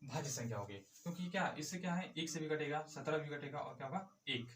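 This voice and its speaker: A man's voice: on the high side, fast, fairly bright tone, reverberant, a little hiss or hum. A male math teacher explaining a lesson step by step, asking and answering his own questions as he goes.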